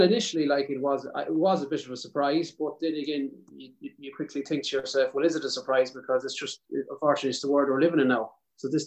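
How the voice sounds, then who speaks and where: Male podcast guest, west of Ireland Mayo accent, rapid easygoing conversational delivery over a video call. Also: mid-range voice, a little mellow, poor audio. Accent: South Mayo, west of Ireland. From County Mayo, Ireland. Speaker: podcast guest, country singer. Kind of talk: casual interview chat over video call.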